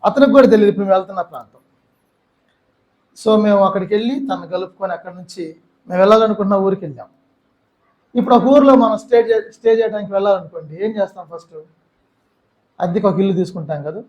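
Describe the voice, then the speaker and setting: A man's voice: high-pitched, fast, pauses often, echoey room, lo-fi sound. A man from Andhra Pradesh with a Telugu accent, giving an emotional testimony sermon and slipping in English phrases. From Andhra Pradesh, India. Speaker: missionary speaker. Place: church hall.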